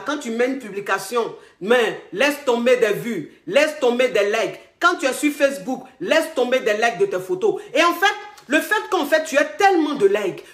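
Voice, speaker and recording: Sore-throated and fighting a cold, an Ivorian relationship coach talks directly to the camera in a roomy-sounding space. Her voice is high and fairly bright, and she speaks with emphasis, circles back over her points, and calls her audience darlings.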